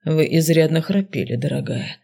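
A woman reading the part of a smug, teasing male dark mage dean in an audiobook, dropping her voice low and slowing into a mocking murmur. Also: animated, gravelly, heavily acted.

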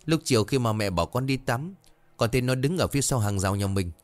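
A man's voice: medium pitch, expressive, fast, dry recording, lightly acted. A man voicing a timid, curious young village boy who asks frightened, pleading questions. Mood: anxious.

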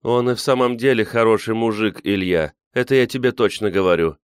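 A man's voice: lowish voice, a little fast, clean tone, no room sound, clean studio sound, pitched above the performer's own voice, natural voice. A man reading an audiobook, voicing an older grieving peasant woman who sighs and scolds. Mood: plaintive. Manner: sighing, plaintive, scolding. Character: weary grieving old peasant woman, motherly.

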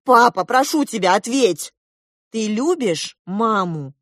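Woman doing an eleven-year-old girl, pushy and earnest, high bright voice, dry. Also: expressive, no room sound. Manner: insistent, presses questions slowly. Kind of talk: audiobook reading.

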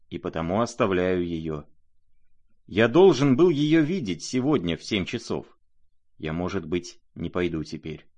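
A man playing a gentle, troubled young nobleman who speaks quietly and pleadingly. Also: low-pitched, heavily acted.

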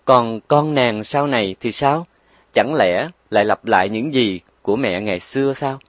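A man reads a story aloud in a steady, expressive voice. His pitch is ordinary. The recording is dry and close to the mic. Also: moderate pace, dry recording. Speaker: narrator. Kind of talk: story reading.

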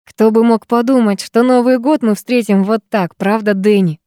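A woman's voice: mid-range voice, expressive, fairly quick, darkish tone, dry recording, studio quality, close to an everyday voice. A woman reading the part of a cocky, teasing teenage schoolboy in an audiobook, with a smug, mocking manner. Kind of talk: audiobook character voice.

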